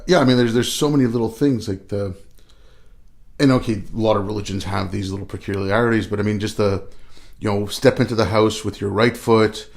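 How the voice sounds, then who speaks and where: A comedy video maker born in India and raised in Canada appears as a guest in a casual conversational interview, chatty and irreverent as he piles up examples. His voice is fairly low with a steady tone, a little fast, with vocal fry.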